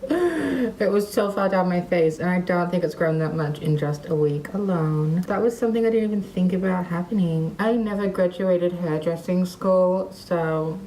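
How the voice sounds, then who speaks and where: A woman's voice: fairly low pitch, fairly even intonation, moderate pace, few pauses, mellow, echoey room, a little hiss or hum, low-quality recording. A young woman in her twenties vlogging casually about her recovery, with a slight lisp and a self-mocking, chatty way of talking. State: slight lisp after surgery. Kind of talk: casual vlog narration.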